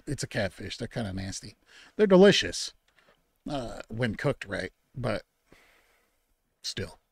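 A man's voice: fairly low pitch, measured pace, vocal fry, breathy edge, no echo. Laid-back man narrating his gameplay. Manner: easygoing, rambling, talks to himself about the game; mock-outraged scolding at game animals. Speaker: gaming channel host. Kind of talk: relaxed let's-play commentary.

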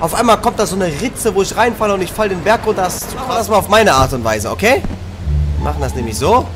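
A man's voice: high voice, lively intonation, fast. A man in his twenties giving exasperated, sweary gaming commentary full of street slang, close to the microphone in a room at home. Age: 20s. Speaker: let's play gamer. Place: small indoor room at home. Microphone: large microphone close to the mouth, headset. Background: game music and sound.

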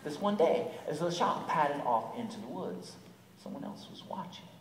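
A man's voice: a little high, normal speed. A man telling a folktale live, coaxing listeners to repeat words and dropping to whispers. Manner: animated, coaxes audience to repeat words, drops to whispers. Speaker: storyteller. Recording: echoey hall from far off, noisy.

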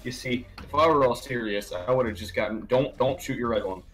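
A man's voice: mid-range voice, fairly quick, a bit bright. A young man in casual co-op gaming chat, teasing and bossy about what to do next. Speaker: gamer. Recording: faint music playing behind.

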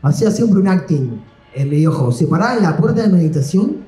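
A man's voice: high-pitched, expressive, a little fast, warm tone. Rambling Argentine man doing stand-up. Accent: Argentine Spanish. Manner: rambling, slangy, self-deprecating. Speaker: stand-up comedian. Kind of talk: live stand-up storytelling. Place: comedy stage. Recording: echoey live room.

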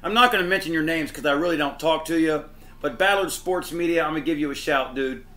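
A man's voice: a little high, quick pace. Frustrated man ranting about his team. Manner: frustrated, swings between muttering and shouting. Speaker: sports channel host. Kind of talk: fan reaction rant.

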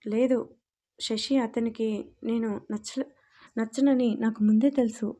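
A woman voicing an outspoken young woman who talks loudly and teasingly in a storybook reading. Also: a little high, fairly even intonation, a little slow. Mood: amused. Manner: loud, teasing.

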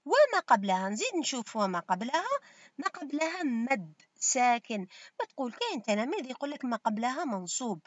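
Lively Algerian woman teacher explaining. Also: on the high side, brisk, dry recording, clean studio sound. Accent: Algerian Arabic. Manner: explains step by step, asks and answers her own questions. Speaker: primary school teacher. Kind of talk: online revision lesson.

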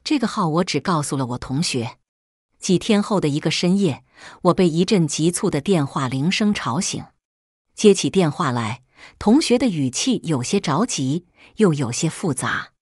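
A woman's voice: sits low, animated, moderate pace, darkish tone, slightly rough, no echo, studio quality. A woman reading a first-person story aloud in a cool, sardonic storytelling manner. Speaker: narrator.

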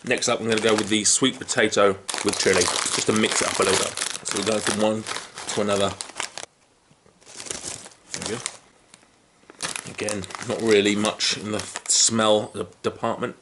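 Between bites of crunchy chips, a British man in his thirties gives an informal, unscripted tasting review to a camera a short distance away in his small living room. He speaks at a moderate pace in a lowish voice with little pitch movement and long pauses. Crinkling packets and clear background noise can be heard.

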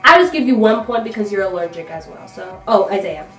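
A woman's voice: medium pitch, animated, brisk, a bit bright, faint music behind. A woman hosting a casual family game on a home vlog, chatty and giggly as she reads out game cards. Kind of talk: casual chat. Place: echoey room indoors. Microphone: phone camera from across the room. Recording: echoey room, distant phone mic.

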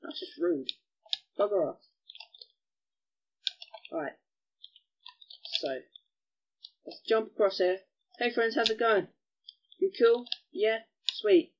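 A man giving chatty gameplay commentary as host of a gaming channel, excitable and given to mild cursing. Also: high-pitched, takes it slowly, long pauses, highs cut off.

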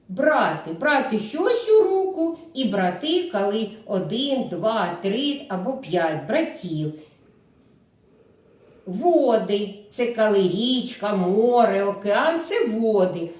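Slow, lively-voiced woman teaching small children. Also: medium pitch. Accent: Ukrainian. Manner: slow, clear syllable-by-syllable speech for children. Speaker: kindergarten teacher. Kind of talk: recorded literacy lesson for preschoolers. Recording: very echoey room, voice from far off.

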